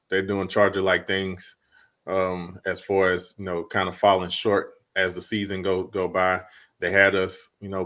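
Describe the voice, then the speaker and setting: A man with a very low, deep voice talking over a sports pick. He rambles casually and restarts his phrases, trading picks with his co-hosts. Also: fairly bright tone. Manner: rambling, repeats words as he thinks. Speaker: podcast co-host.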